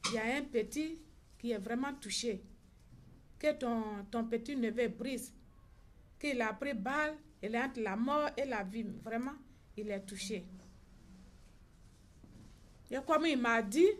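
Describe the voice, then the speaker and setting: A middle-aged woman, giving a halting personal testimony as the victim's mother and retelling conversations word for word. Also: fairly high pitch. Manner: halting retelling with reported dialogue.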